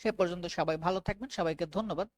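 A woman teacher with a Bengali accent who gives a phonics lesson. She says each English sound slowly and draws it out, then repeats the word again and again. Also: lowish voice.

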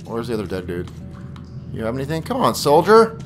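A man's voice: mid-range voice, huge pitch swings, brisk. A man giving casual, exclamatory and profane gameplay commentary, often talking to the game characters. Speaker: gaming let's player. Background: video game music and sound effects.

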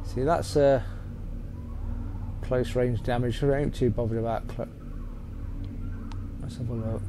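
Here the man's mid-range voice stays fairly even and measured while he plays and talks through the game in a loose, wandering way. It's a gaming host's voice-over on gameplay capture, with game music loud in the background and noise throughout.

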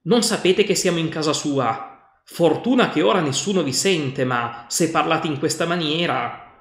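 A man's voice: fairly high pitch, lively intonation, normal speed, a bit bright, voice pushed up. A man reading aloud as a fearful, fussy old village priest who scolds anxiously. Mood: scolding. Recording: roomy echo.

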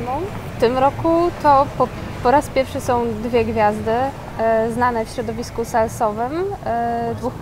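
A young woman with a fairly high voice answers interview questions in a casual, loose way, often opening her sentences with fillers. She speaks on a lapel mic in a mall studio set. Clear background noise sits behind her voice. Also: steady tone, unhurried.

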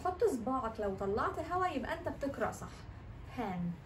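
A woman teacher with an Egyptian Arabic accent drills English vocabulary and sounds, repeating each word several times. Her voice sits a bit high. She is heard from a little distance, with faint noise behind. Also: sing-song, fast talker, roomy sound. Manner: repetitive drilling of words. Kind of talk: explaining vocabulary and phonics.

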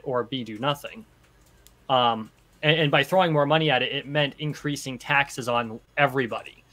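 A man in his thirties from Vermont, a guest explaining his background in a measured, articulate way over a video call from a home office. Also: fairly high pitch, bright, forceful tone. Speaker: guest, political candidate. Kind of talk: conversational interview. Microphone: headset on a video call.

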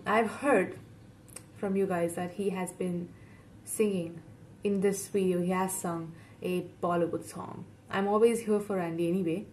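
A woman's voice: medium pitch, darkish tone. A young Indian woman in her twenties with an Indian accent, chatting casually and giggling to her webcam in her bedroom. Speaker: reaction YouTuber. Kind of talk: casual chat to camera. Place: bedroom, indoors. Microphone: webcam at desk distance. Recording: slightly distant mic, faint room noise.

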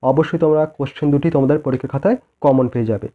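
A man's voice: medium pitch, racing, phone-quality sound. A male teacher, dictating model exam answers to students and mixing in English words. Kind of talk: exam-prep lesson.

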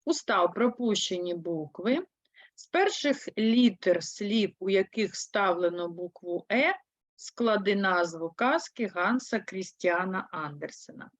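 Slow, patient primary school teacher woman. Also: mid-range voice, lively intonation, dry recording. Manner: slow, spelling words out syllable by syllable; patient, explaining step by step. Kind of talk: third-grade language lesson. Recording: dull, lo-fi dry sound.

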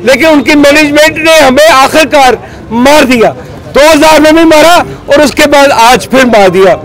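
This rough recording catches a middle-aged man from Pakistan, a leader among market traders, pleading anxiously in a street interview. He speaks at a moderate pace in a very high-pitched voice, gesturing hard, into a handheld reporter mic. The setting is a busy city street outdoors, with a crowd in the background.

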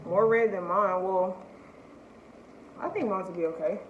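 A woman's voice: medium pitch, measured pace. A woman hosting a casual food challenge vlog, chatting to viewers. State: teary from spicy food. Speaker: vlogger. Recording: roomy, slightly dull, faint noise.

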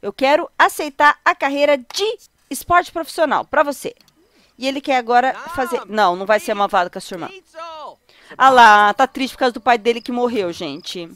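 A woman's voice: fairly high pitch, brisk, fairly bright tone. A young Brazilian woman with a cold, chatting casually as she plays a life sim game and talks to her characters and viewers. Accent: Brazilian Portuguese. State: has a cold. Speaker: gaming video host. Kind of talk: casual let's-play commentary.

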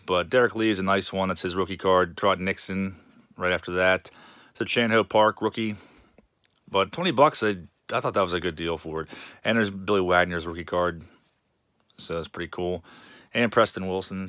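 Low-voiced casual man showing cards. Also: dry recording, clean studio sound. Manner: relaxed, rambling, many fillers. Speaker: card collector vlogger. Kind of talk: casual show-and-tell narration.

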